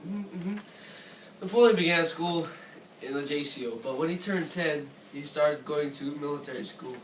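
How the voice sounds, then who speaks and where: A man's voice: a little high, normal speed, a crowd in the background. A man co-anchoring a mock newscast for a school project with casual, slangy asides, recorded far from the mic in an echoey room.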